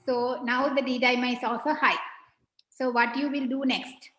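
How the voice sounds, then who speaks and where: A woman's voice: high-pitched, little pitch movement, normal speed, fairly bright tone. Woman teacher questioning students, roomy sound. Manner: questioning, prompting students by number. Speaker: medical teacher. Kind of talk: online clinical teaching session.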